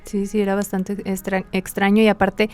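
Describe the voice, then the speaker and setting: A woman's voice: mid-range voice, completely flat delivery, moderate pace, clean tone, faint music behind. A woman co-hosting a podcast, talking in a casual, conversational style. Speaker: podcast co-host. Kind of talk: casual chat.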